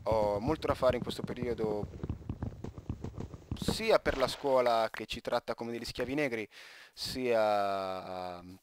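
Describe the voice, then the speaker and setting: A young Italian man talks his way through a game at home, rambling, restarting words and cracking jokes at his own gear. His voice sits at an ordinary pitch, with a clear hiss of background noise under the recording. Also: takes it slowly. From Italy. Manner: rambling, self-interrupting, joking asides. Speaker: gaming YouTuber. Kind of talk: casual gameplay commentary.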